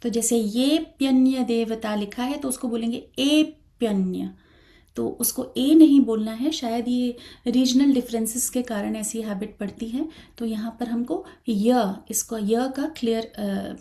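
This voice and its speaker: A woman teaching Sanskrit verse recitation in an online chanting lesson, explaining slowly and carefully with frequent hesitations. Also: a little high, fairly even intonation, warm tone. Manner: switches between talk and slow sung chanting.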